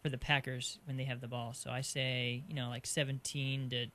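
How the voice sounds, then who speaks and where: A man from Arizona co-hosting a casual sports podcast, easygoing and quick to laugh. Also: mid-range voice, level tone, pushed and bright, a little hiss or hum. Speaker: podcast co-host. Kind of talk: casual sports picks chat.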